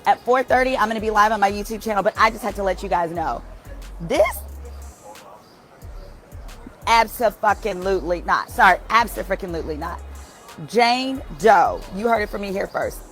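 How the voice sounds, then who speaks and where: A woman's voice: medium pitch, lively intonation, brisk, faint music behind. A woman giving live vlog commentary outside a courtroom, emphatic and indignant, swearing freely. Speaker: trial commentator.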